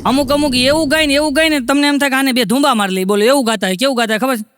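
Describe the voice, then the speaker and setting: A man telling jokes on stage with quick, punchy delivery and mock quotes. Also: very high voice, fairly even intonation, a bit bright, clean tone, no echo, studio quality, big-room sound. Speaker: stand-up comedian. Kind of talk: Gujarati joke telling.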